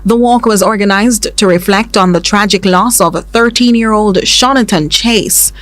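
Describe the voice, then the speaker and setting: Measured woman reading the news. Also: medium pitch, fairly bright tone. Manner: measured, formal delivery. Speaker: news anchor.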